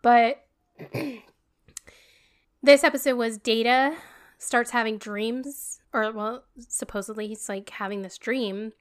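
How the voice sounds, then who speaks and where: A woman's voice: fairly high pitch, fairly even intonation, takes it slowly, smooth. A woman co-hosting a casual chat podcast with her brother, rambling and hunting for words with lots of ums. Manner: laughs often. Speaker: podcast co-host.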